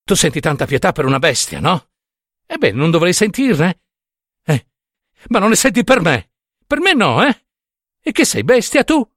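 A man's voice: a little high, sing-song, moderate pace, pauses often, breathy edge, no echo, clean studio sound, voice pushed up, heavily acted. A man voicing a flustered young husband, out of breath and exasperated. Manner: panting, pleading then exasperated.

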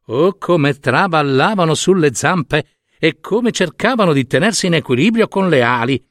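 Lively man reading a fairy tale. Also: a little high, normal speed, no echo, studio quality. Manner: expressive, playful with sound words. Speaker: storyteller.

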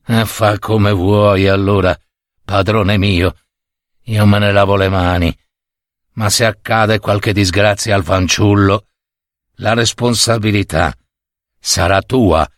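A man reading a story aloud, voicing a sly, toothless old servant who grumbles in a low, muttering voice. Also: sing-song, slow pace, long pauses, a bit bright, no room sound, clean studio sound, full character voice. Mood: grumbling.

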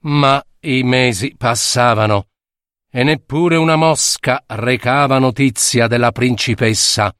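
Italian guy reading a fairy tale, slow and expressive, dry close sound. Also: medium pitch, clear, resonant tone, no room sound. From Italy. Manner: lively, theatrical narration. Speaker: storyteller.

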